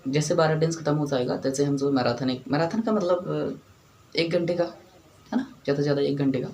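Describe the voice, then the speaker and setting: Teaching English grammar at a whiteboard, this man keeps repeating key words and firing short questions at the class to see if they follow. He has a mid-range, darkish voice, captured in a low-quality recording with slight background noise.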